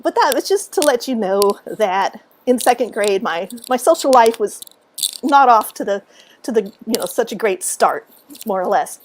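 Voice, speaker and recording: Animated woman telling a childhood story. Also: fairly high pitch, normal speed, a little hiss or hum. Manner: animated, acts out quotes, laughs often. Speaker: author and speaker. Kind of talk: casual storytelling to camera. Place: at home.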